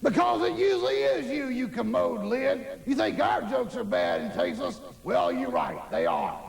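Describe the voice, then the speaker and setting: A man playing a campy, lewd, gleefully ghoulish TV horror host, with theatrical, teasing mock-spooky delivery and a gravelly creak. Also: extremely high pitch, big pitch swings, moderate pace, exaggerated voice.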